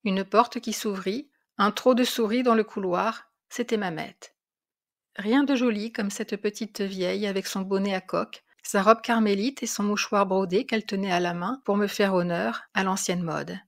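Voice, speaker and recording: A woman narrating a classic French short story in a measured, expressive storytelling voice. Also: medium pitch. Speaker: reader of literary classics.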